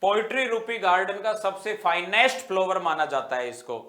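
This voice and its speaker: A male teacher giving an exam-prep literature lesson, dictating English phrases slowly and repeating them, then explaining and quizzing students warmly as "beta". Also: high voice, animated. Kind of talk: online exam-prep lecture. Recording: roomy echo.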